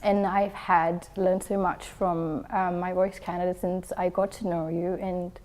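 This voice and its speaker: A woman's voice: lowish voice, level tone, a little slow, darkish tone. A woman from Singapore, a guest in an interview, answering thoughtfully with frequent hesitations and filler ums.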